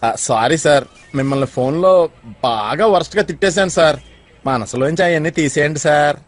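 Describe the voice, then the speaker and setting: A man's voice: fairly high pitch, fairly quick, close to an everyday voice. An actor playing a cheeky, bragging young man in a Telugu film comedy. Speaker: comic film character. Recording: film soundtrack with faint music.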